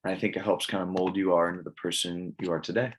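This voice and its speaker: An early-20s college student from California, United States, presents an assignment informally, in a plain, matter-of-fact, casual way. He has a low voice, a steady tone and speaks fast, with a little hiss or hum on the recording.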